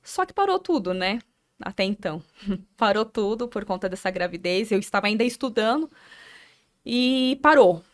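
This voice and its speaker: As a podcast guest, a young woman with a Brazilian Portuguese accent earnestly recounts her personal experiences in a medium-pitched, expressive voice. She hesitates and repeats words while recalling events.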